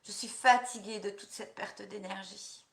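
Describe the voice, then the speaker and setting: A woman practitioner leading a guided EFT tapping session, repeating slow affirmations and coaching listeners between phrases. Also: medium pitch, fairly even intonation, fairly bright tone, echoey room.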